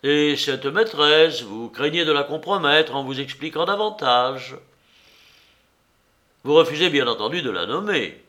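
A man's voice: a little high, lively intonation, unhurried. A man voicing a stern police commissioner. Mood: mocking. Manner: severe, sharp questioning.

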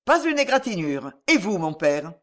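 A gallant young knight, as a reader gives him voice, speaks with brave courtesy. His lively, rising lines carry an old-fashioned chivalry in this audiobook adventure. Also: mid-range voice, moderate pace, natural voice. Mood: calm. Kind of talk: audiobook character voice.

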